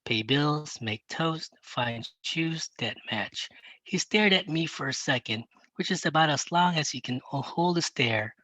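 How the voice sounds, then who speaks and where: A reader narrating a first-person children's novel aloud, plain and even, with a teen narrator's wry asides. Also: medium pitch, measured pace, no room sound, poor audio. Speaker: audiobook reader.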